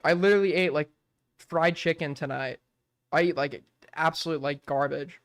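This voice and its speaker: Speaking at normal speed with a steady tone, a young man in his 20s has a somewhat high, slightly bright voice, recorded dry at studio quality. He chats loosely on a late-night stream, rambling, swearing frequently and filling with "like".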